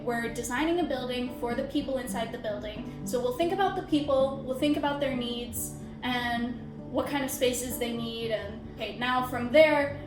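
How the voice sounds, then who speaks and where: A woman in her twenties, an architecture student from India who was raised in the Chicago suburbs, speaks reflectively in a casual interview full of filler words. Her voice is a little high, and the sound is roomy.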